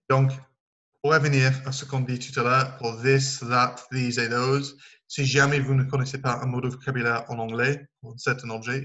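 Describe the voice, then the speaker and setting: A man's voice: mid-range voice, fairly bright tone, highs cut off. A man teaching a recorded online English lesson, explaining step by step and counting down aloud for his learners.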